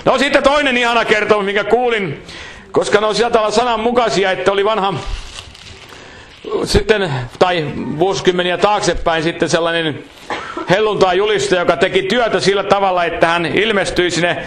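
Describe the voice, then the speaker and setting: A man's voice: sits high, fairly bright tone, echoey room, slight background noise. A man preaching a sermon, telling folksy anecdotes with humor.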